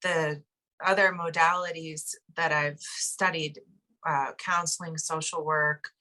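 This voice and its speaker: Slow, low-voiced woman from Colorado. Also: level tone, sharp tone. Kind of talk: self-introduction.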